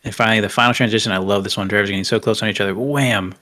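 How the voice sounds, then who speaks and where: Excitable male drift commentator. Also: fairly low pitch, very fast. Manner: excitable, chatty, laughs easily. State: out of breath.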